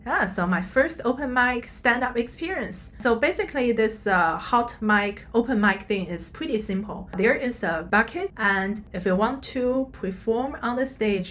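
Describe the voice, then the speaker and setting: A woman casually telling a personal story as a vlogger, often halting as she searches for her words. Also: a little high, a bit bright, slight background noise. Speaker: software engineer.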